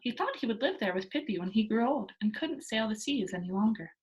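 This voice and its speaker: Speaking a little high and at a brisk clip, a woman teacher tells a children's story expressively, reading the book aloud and explaining it to young pupils.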